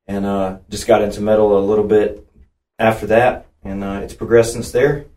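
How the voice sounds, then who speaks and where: A man from Charlotte, North Carolina who plays drums, speaking hesitantly and softly in a casual interview. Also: lowish voice, level tone, normal speed. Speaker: band drummer. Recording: roomy and distant.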